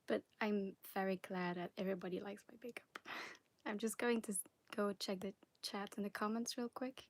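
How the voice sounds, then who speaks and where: A young woman from Belgium with a Flemish accent, hosting a live question-and-answer stream, talking softly and often whispering, a little nervous. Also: mid-range voice, little pitch movement, normal speed, dry recording. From Belgium (Flanders). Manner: soft, partly whispered chat, nervous and giggly. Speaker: ASMR creator. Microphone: phone on a wobbly stand.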